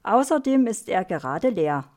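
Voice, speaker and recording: Woman doing a gentle, soothing carer. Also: medium pitch, big pitch swings, unhurried. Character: caring female carer, calm and fair.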